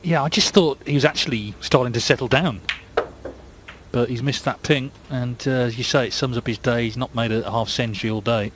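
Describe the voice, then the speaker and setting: A man giving hushed, conversational snooker commentary, measured and analytical. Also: mid-range voice, slight background noise.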